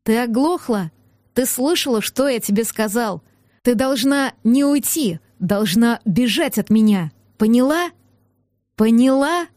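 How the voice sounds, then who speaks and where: A woman doing a gruff brooding man. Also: on the high side, animated, a little mellow, no room sound, clean studio sound. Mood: fierce. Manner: slow, growling, clipped.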